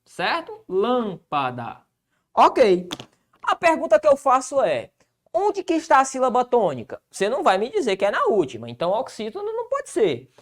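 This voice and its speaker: A man's voice: very high-pitched, huge pitch swings, a little fast. A man with a Brazilian accent teaching an exam-prep grammar lesson, colloquial and answering his own rhetorical questions. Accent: Brazilian Portuguese.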